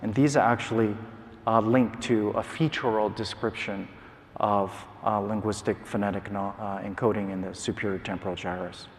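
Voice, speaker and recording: Man, academic lecture, lowish pitch, measured, explanatory, stage mic, reverberant conference hall. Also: fairly even intonation, slight background noise. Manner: measured, explanatory, occasional filler sounds. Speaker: scientist giving a prize lecture.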